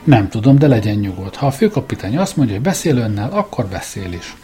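A man voicing a secretive detective who speaks quietly and knowingly in a storybook reading. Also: on the low side, big pitch swings, soft background music. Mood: reassuring.

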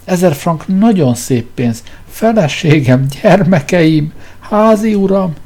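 A man's voice: big pitch swings, warm tone, exaggerated voice. A man reading aloud, voicing a tearful, pleading male editor who sobs out his complaints in a raised voice. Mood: sobbing pleas. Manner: tearful, pleading, high-pitched. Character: sobbing whiny male editor, a spy.

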